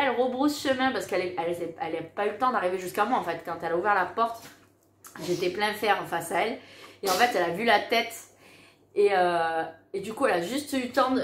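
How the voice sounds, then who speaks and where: A woman telling a personal story in a casual, animated way, acting out the dialogue she recounts. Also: mid-range voice, slight background noise. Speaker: mother telling her birth story. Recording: roomy echo.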